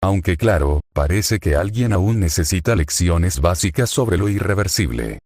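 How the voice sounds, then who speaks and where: Venomous, bored villain, read by a man; deep voice, dry sound. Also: lively intonation, moderate pace, a little mellow, no echo. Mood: scornful. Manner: sweetly poisonous, weary disdain. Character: bored, venomous male villain who mocks.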